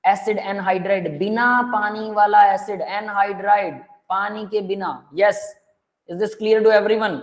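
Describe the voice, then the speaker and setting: Male teacher, relaxed and friendly; step-by-step explainer who checks in with students constantly. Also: high voice, slow pace. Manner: explains step by step, keeps checking the class understands; relaxed and friendly, calls students "beta" and "bhai". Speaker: chemistry teacher. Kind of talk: live online chemistry lecture.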